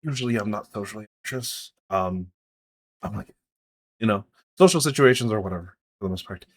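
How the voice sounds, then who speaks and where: A man's voice: lowish voice, animated, unhurried, husky. A man voicing a nervous, sweaty masked woman who is a dragon scholar, stammering and hesitant in a tabletop game.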